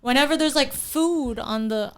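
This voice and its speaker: A woman chatting as a podcast guest, her voice sitting a touch high. She rambles with lots of fillers and trailing thoughts. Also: moderate pace, over a noisy crowd. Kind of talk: casual chat.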